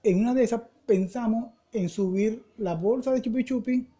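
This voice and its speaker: Venezuelan man telling a story, mellow voice. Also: very high voice, normal speed, slightly rough. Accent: Venezuelan Spanish. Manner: animated storytelling with slang, acts out voices. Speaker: podcast co-host. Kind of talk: casual storytelling chat.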